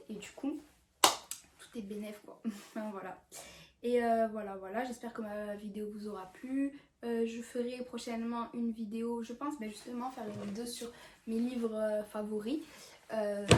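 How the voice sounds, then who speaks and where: A woman's voice: a little high, steady tone, moderate pace, a little mellow. A young woman vlogging casually about self-improvement, hesitant with many fillers and restarts. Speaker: YouTuber. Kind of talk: casual self-help vlog talk. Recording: echoey room, mic at a distance, faint background hiss.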